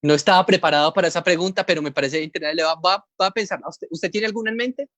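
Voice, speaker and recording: Relaxed Colombian man explaining comics editing. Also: high-pitched, fast, no echo. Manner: relaxed, rambling, explains step by step. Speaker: comics editor. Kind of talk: casual panel talk.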